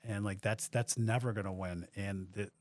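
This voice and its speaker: A man's voice: fairly low pitch, steady tone, normal speed, no room sound. A man hosting a podcast, chatting casually in a friendly, agreeable way with a bit of dry sarcasm. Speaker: podcast host. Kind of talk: casual chat.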